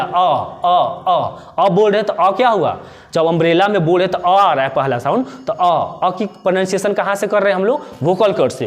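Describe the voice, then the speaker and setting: A man teaching an English grammar lesson, explaining step by step and answering his own questions. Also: high voice. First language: Hindi.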